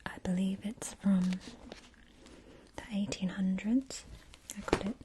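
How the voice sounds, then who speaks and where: A woman speaks in a soft, fully whispered ASMR style, gentle and rambling. The recording has clear background noise with clicks. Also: medium pitch, steady tone, slow. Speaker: ASMR video creator.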